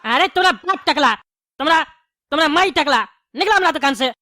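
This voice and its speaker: Woman playing a bald male cartoon shopkeeper, pushy, hot-tempered, high bright voice. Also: expressive, fast, no room sound, clean studio sound. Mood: angry. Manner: salesman patter that flips to shouting. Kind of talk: cartoon comedy voice acting.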